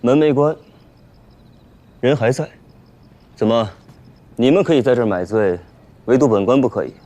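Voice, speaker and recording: An actor in a costume drama playing a self-assured government official with a formal, assertive manner. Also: male voice, medium pitch, moderate pace, mellow, natural voice. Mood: challenging. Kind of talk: Chinese costume television drama acting.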